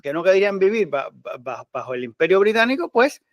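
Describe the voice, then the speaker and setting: A man's voice: sits high, sing-song, a little fast, dry recording, highs cut off. A man with a Cuban accent explaining history in a conversational way, talking straight to the listener and often restarting his words. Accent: Cuban Spanish. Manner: conversational, addresses listener as tú, frequent restarts and stammered repeats. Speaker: history presenter. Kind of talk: informal history talk.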